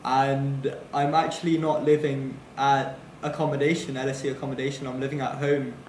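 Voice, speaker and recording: A man's voice: medium pitch, level tone, moderate pace, a little mellow, a little hiss or hum. A young man, a first-year student, introducing himself casually with a slightly hesitant delivery. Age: young adult. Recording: echoey room, slightly distant.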